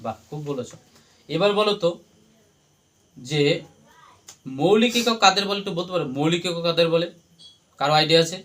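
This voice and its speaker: A man's voice: fairly high pitch, moderate pace, pauses often, a bit bright. A man teaching a classroom, drilling his students with repeated questions and having them chant the answers back. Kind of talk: classroom lesson with call-and-response.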